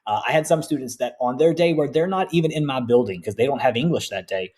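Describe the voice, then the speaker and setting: A man co-hosting a podcast as an English teacher, telling stories in a casual, animated way. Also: mid-range voice, fast talker. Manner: animated storytelling, acts out quoted voices.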